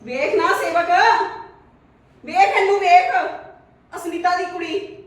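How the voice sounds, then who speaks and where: A woman playing a sneering, high-voiced rich lady in an echoey room. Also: fairly even intonation, slow pace, distant mic. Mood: mocking. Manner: taunting, sneering, laughing mockingly. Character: scornful rich woman mocking her maid's daughter. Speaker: actor in a short family drama.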